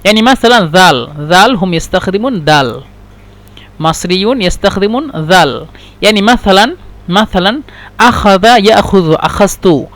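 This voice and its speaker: A man from Bangladesh, a Bengali speaker, teaching a dialect lesson and repeating example phrases slowly with halting explanations. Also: high-pitched, lively intonation, a bit bright. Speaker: language teacher.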